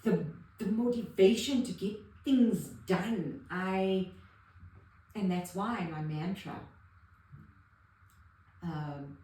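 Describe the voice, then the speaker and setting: Her voice mid-range and mellow, a middle-aged woman talks extremely slowly and pauses often while casually recounting her therapy journey. It comes out emotional and rambling, full of restarts, captured by a distant mic in a very echoey room.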